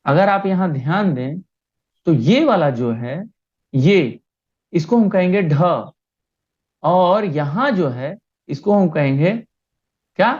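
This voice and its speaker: A man's voice: fairly high pitch, animated, slow pace, a little mellow, dull audio. A man teaching a primary school class online, speaking patiently and often checking that the children understand. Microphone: video call.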